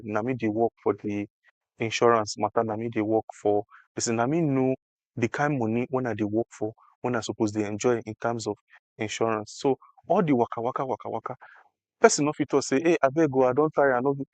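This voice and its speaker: A Nigerian man, an interview guest, talks through health insurance in conversational Nigerian Pidgin, stressing points and repeating phrases for effect. His voice is medium-pitched and slightly mellow. The recording is low quality with no room sound.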